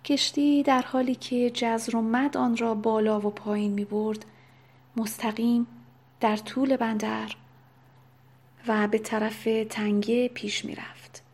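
A woman narrating a novel in a soft, unvoiced whisper with steady, even reading. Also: a little high. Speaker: audiobook narrator. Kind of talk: whispered storytelling.

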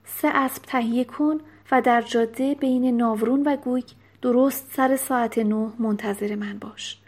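Woman narrator voicing a bold young noblewoman, brisk, commanding, bright-ish voice, storybook. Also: on the high side, fairly even intonation, close to an everyday voice. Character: bold young noblewoman dressed as a sailor boy.

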